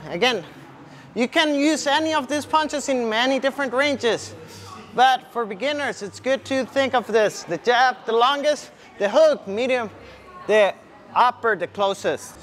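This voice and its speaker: A young kickboxing coach with a very high-pitched, slightly bright voice demonstrates punches and instructs step by step in short cues. The setting is a large indoor MMA gym, and its ambient noise is plainly heard.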